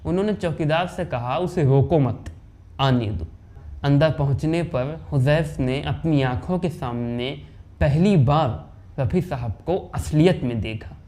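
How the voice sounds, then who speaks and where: A man's voice: measured pace, dark tone. A man narrating an anecdote in a dramatic storytelling style, shifting his voice for the people he quotes. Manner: dramatic, voices quoted characters with pitch swings. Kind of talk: anecdote narration with acted dialogue.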